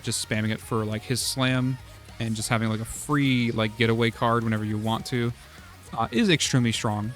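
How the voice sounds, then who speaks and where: A man streaming casual game strategy talk, hoarse from losing his voice, rambling with many "uh"s and "like"s. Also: mid-range voice. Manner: rambling, full of "uh" and "like".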